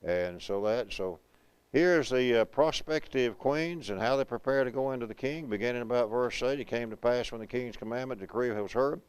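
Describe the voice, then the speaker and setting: A man teaching a Bible class at a preaching school, reading scripture slowly and then explaining it conversationally, asking his students questions. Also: medium pitch, clean tone, no room sound, rough recording. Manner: conversational, asks the class questions and answers them; reads verses slowly and deliberately.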